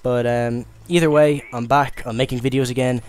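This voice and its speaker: A man's voice: medium pitch, steady tone, moderate pace, a little mellow, a little hiss or hum. A young man from Ireland giving casual commentary over gameplay, rambling and stammering with lots of fillers. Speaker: gaming commentator.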